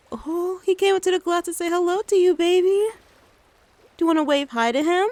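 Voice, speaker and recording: A woman playing a gentle, doting mother in a soft-spoken ASMR role-play, soothing and coaxing as she talks to the listener like a small child. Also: very high-pitched, normal speed, no echo. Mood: tender. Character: gentle doting mother taking her little one out. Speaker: ASMR creator.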